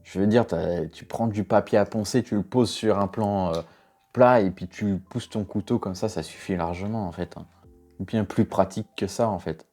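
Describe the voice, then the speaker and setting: A man's voice: on the low side, normal speed, warm tone. A knife sharpener giving casual reaction commentary, a man who talks bluntly, swears, laughs often and sounds exasperated.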